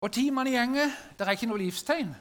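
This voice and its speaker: A man's voice: very high voice, lively intonation, a bit bright, slight background noise. A middle-aged man telling a story to a gathered audience in a conversational way, often turning to his listeners with little questions.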